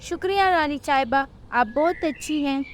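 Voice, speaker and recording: A sulky, demanding little girl bird from a cartoon story, speaking in a very high, childish whine, as a woman narrator puts her on. She talks like a spoiled child who wants things her way. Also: normal speed, slight background noise, natural voice. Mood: pleading.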